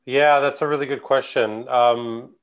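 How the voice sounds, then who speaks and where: An American man from the Midwest answers questions on a conference panel over a video call. His medium-pitched voice is steady and clean, a little slow, and he sounds hesitant, with many fillers and restarts.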